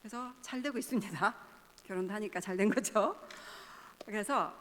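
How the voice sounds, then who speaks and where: A woman in her fifties, a pastor's wife, giving a parenting seminar at church. She speaks in an animated way, often acting out the lines she quotes and laughing as she talks. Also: medium pitch, moderate pace. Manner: animated, acts out quoted dialogue. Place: church hall. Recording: long hall reverb.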